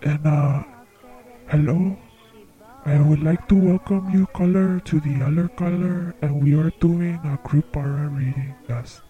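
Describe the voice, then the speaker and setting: A man hosting a comedic call-in show as a psychic, speaking in a slow, soft-spoken, earnest way. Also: a little high, fairly even intonation, narrow, tinny audio, soft background music. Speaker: psychic radio show host.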